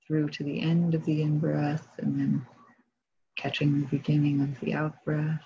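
Leading a guided meditation, a woman teacher speaks softly and calmly in a low-sitting, husky voice, leaving long pauses between gentle phrases. The sound is dull and muffled, like a lo-fi recording.

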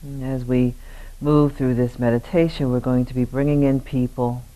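The audio is poor on this guided meditation, led by a male teacher with a mid-range voice and little pitch movement. He speaks gently, in short unhurried phrases punctuated by long pauses.

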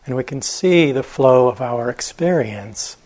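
Here a meditation teacher guides his listeners in a husky, medium-pitched voice that stays animated. He delivers the instructions gently and without hurry, leaving long pauses.

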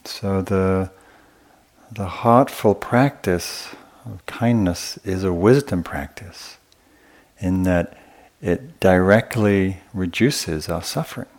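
In a guided talk at a retreat, a low-pitched man teaches meditation, speaking gently and without hurry and often stopping between short phrases.

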